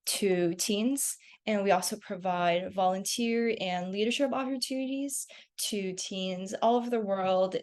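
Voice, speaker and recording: Woman, webinar host, mid pitch, reads questions, short affirmations, video call. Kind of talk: webinar hosting.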